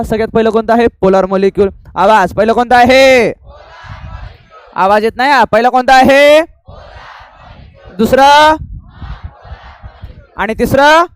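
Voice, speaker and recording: A male teacher with a Marathi accent runs a lively classroom drill, firing questions and pushing students to answer louder. His voice sits high and moves quickly, and the sound is dry and close. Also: dry recording. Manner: call-and-response drilling, urging students to answer loudly; mixes English terms into fast classroom talk. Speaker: chemistry teacher. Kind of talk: classroom lecture.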